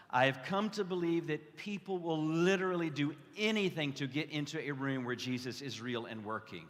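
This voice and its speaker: In a big indoor hall, a male guest preacher gives a heartfelt testimonial sermon before a live gathering, his words echoing with long reverb. He talks in a conversational way, frequently starting over or repeating phrases to add weight. His voice is slightly high and a bit bright.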